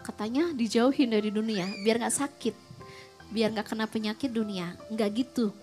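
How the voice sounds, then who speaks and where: A young woman giving a casual religious talk, chatty, mixing in English phrases and filling pauses. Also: fairly high pitch, a little mellow, faint music behind. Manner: chatty, mixes English phrases, frequent fillers. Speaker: Islamic preacher.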